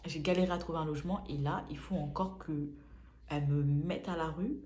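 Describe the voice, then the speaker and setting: A young woman from France with a notably low voice tells a story in loose, slangy talk. She acts out the dialogue as she goes. A faint hiss sits under her voice. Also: fairly even intonation, a little fast, warm tone. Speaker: vlogger. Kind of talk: casual storytime.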